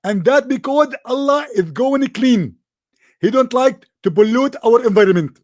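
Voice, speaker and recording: A man's voice: very high voice, lively intonation, normal speed, a little mellow, no echo, clean studio sound. A man arguing insistently in a debate clip, speaking English with broken grammar. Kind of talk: emphatic debate argument.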